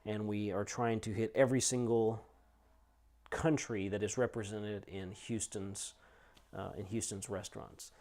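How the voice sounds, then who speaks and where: With a lowish, dark-toned voice, a middle-aged man who teaches at a seminary and serves as a missions pastor introduces himself to students. His casual course introduction is informal, conversational and explanatory, and his background spans the United States and Scotland.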